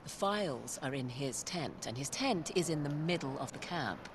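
A woman's voice: sits low, expressive, moderate pace, a crowd in the background. An actress playing a sly, flirty female treasure hunter in video game cutscene dialogue. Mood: wry. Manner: sly, teasing. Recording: game audio with ambient noise.

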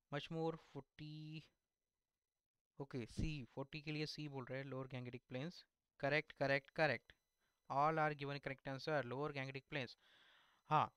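Bright, fast-talking young Indian man tutoring. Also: on the high side, clean tone, dry recording. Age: young adult. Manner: mixes in Hindi asides, repeats answers. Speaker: online exam tutor. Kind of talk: lesson going through mock test questions. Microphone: headset.

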